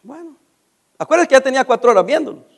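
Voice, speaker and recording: A middle-aged man with a Mexican Spanish accent spins a casual anecdote, his voice sitting unusually high for a man. His delivery swings widely up and down as he acts out each character's lines. He laughs along with his own story. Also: quick pace. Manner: animated, acts out dialogue, laughs while telling.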